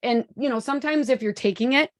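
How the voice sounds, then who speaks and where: A woman's voice: a little high, fast, no room sound, clean studio sound. A woman in her forties presenting a live webinar in an upbeat, chatty way, with plenty of ums, speaking into a computer microphone. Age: 40s. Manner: upbeat, chatty, many fillers.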